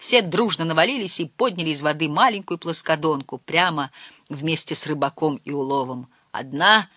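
Audiobook narrator, bright tone, dry close sound, even pace. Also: mid-range voice, fairly quick, slightly rough, no echo. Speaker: audiobook reader. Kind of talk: scripted narration.

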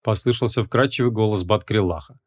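A man's voice: lowish voice, a little fast. Man narrating a fantasy audiobook. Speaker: audiobook reader. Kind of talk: scripted narration.

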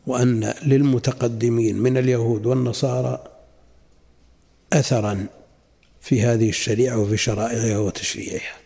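Older man, sheikh, classical religious lesson, gravelly, dark mellow tone, measured, repeats phrases. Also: medium pitch. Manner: measured, repeats phrases for emphasis, asks rhetorical questions. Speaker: sheikh teaching a book.

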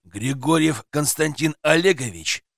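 Male reader as a flustered police officer, blunt and stammering, lively swings. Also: fairly high pitch, unhurried, creaky, no room sound, studio quality, exaggerated voice.

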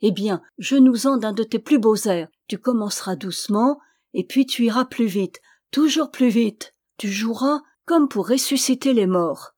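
A woman's voice: a little high, lively intonation, a little slow, darkish tone. A woman doing an urgent young hero. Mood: commanding. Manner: urgent, commanding. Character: brave young man leading his brothers.

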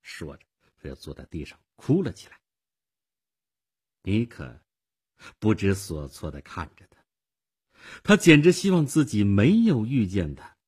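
A man narrating a story for radio in an expressive, acted-out style. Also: lowish voice, unhurried, long pauses, husky. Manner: expressive, acts out the scenes.

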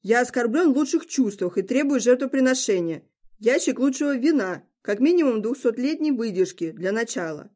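A woman's voice: on the high side, lively intonation, brisk, warm tone. A woman reading the part of a teasing trickster god with a theatrical, mocking delivery. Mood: mock indignant. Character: sly mocking trickster god, male, grown man.

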